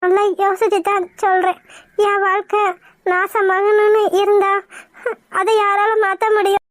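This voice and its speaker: A woman's voice: very high voice, level tone, a little slow, dry recording, studio quality. A woman voicing a young bride forced into marriage in a cartoon, tearful and resigned.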